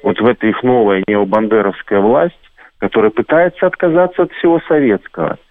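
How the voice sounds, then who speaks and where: A man from Belarus, a radio guest who explains patiently and slowly spells out sounds as examples. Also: on the low side. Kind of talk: radio conversation. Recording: tinny phone-like line.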